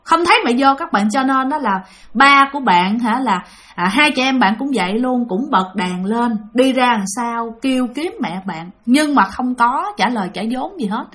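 A woman with a Southern Vietnamese accent tells a ghost story as if chatting with friends. She often turns to address her listeners, and her voice sits a little high. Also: animated, normal speed, a bit bright. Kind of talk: spoken ghost story narration.

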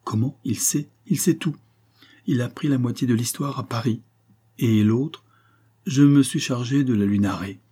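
Sly dry henchman guy, man reading him, low mellow voice, bit husky. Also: moderate pace, close to an everyday voice. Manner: dry, mocking, matter-of-fact. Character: sly sardonic male Portuguese henchman.

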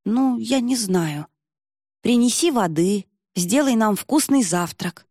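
Brief: an outspoken young heroine, read by a woman, husky, dry close sound. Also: fairly high pitch, expressive, slow, mellow, no echo, pitched above the performer's own voice.

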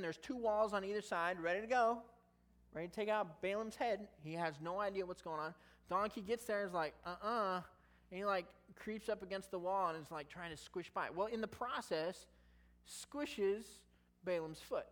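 A man preaching a casual sermon, reading scripture aloud and breaking off into conversational, joking asides. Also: high voice. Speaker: pastor.

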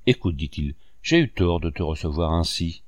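A man's voice: low voice, expressive, moderate pace, no room sound. A man voicing a frightened, guilty rich man who pleads and defends himself. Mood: defensive.

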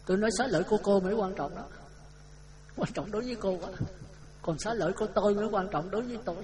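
A man's voice: high-pitched, low-quality recording. A man, a Buddhist monk, telling a folksy, chatty story in a dharma talk, laughing as he goes. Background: audience laughter.

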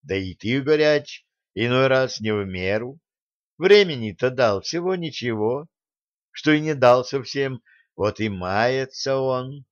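A calm old monk elder, voiced by a male narrator, slow and soft, quieter than the reader's usual tone. The soothing voice sounds dull and lo-fi. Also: medium pitch, dry recording.

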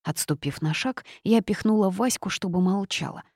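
A woman reading a first-person story as a young witch, in a lively, teasing telling. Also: medium pitch, normal speed, husky, no room sound, studio quality, voice pushed up. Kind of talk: audiobook reading.

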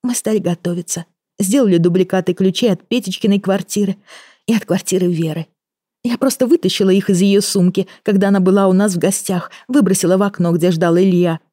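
Woman reading as a high, pleading young female killer. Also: fairly quick, dark tone, no room sound, clean studio sound, lightly acted. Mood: confessing. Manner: pleading, breathless, rising pitch. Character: desperate young woman confessing to murders. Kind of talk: audiobook reading.

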